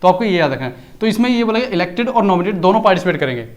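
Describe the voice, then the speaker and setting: In a recorded exam-prep lecture, a male teacher with a high, expressive voice races along in a chatty, explanatory style. He slips terms into his talk, mixing Hindi with English ones.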